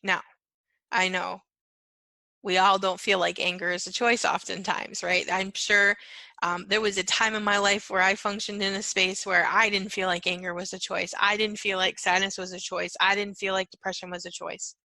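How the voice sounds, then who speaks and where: A woman's voice: medium pitch, flat delivery, normal speed, vocal fry, pushed and bright, no echo. A woman speaking as a spiritual coach, teaching in a conversational way and often checking in with "right?" and "okay?". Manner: soothing, repetitive chanting of phrases, fading to a whisper. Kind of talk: guided clearing meditation and teaching talk.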